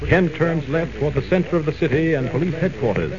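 A man's voice: fairly high pitch, quick pace, crowd noise. Theatrical male radio narrator, vintage sound. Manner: theatrical, suspenseful. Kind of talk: dramatic 1940s radio serial narration. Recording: muffled old radio broadcast recording.

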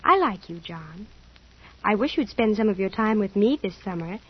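A woman's voice: mid-range voice, lively intonation, moderate pace, slightly rough. An actress playing a sheltered, naive rich teenage girl who talks in a prim, earnest, matter-of-fact way, in an old radio drama. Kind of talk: 1940s radio acting. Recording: muffled old radio recording.

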